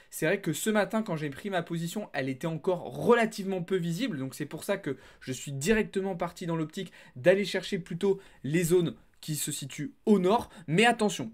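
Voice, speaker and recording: Guy with a pretty high voice and a bit of a lispy s, walking viewers through market stuff. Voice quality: slight lisp on s sounds. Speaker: crypto trading video host. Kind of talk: explanatory market commentary to viewers.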